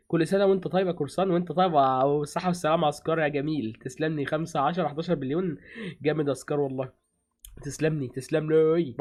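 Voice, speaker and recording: A man with an Egyptian accent chatting casually as a gaming streamer, rattling off quick thanks to donors. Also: on the high side. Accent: Egyptian Arabic. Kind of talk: casual game commentary.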